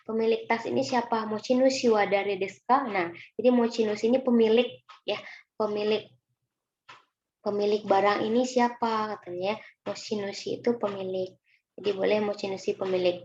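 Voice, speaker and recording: A woman with an Indonesian accent teaching Japanese kanji in a recorded online lesson, patient and chatty, often calling her students "minasan". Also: medium pitch. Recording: roomy, dull lo-fi recording with faint noise.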